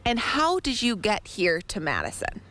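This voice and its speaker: A woman's voice: medium pitch, wildly swooping pitch, moderate pace, sharp tone, a little hiss or hum. A woman reporting live in the field, introducing guests and asking polite, guiding questions.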